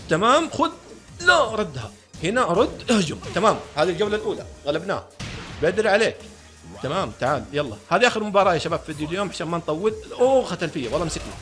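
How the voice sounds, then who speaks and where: A man giving excited live commentary on a fighting game, talking to his viewers and taunting his opponent. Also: a little high, very fast, soft background music. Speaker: gaming YouTuber.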